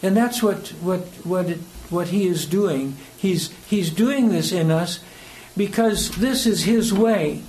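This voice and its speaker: This preacher, an older man from the United States with an American accent, has a high, slightly mellow voice and speaks slowly with hardly any pauses. His sermon is conversational, hesitant and rambling, full of personal stories and chuckles between phrases. The recording is low quality, with clear background noise.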